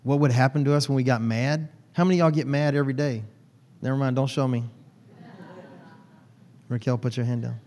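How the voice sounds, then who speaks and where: A man with a medium-pitched, darkish voice preaches a little fast but with long pauses, and there's a slight hiss or hum in the recording. He's a pastor chatting folksily with his church, teasing congregants by name.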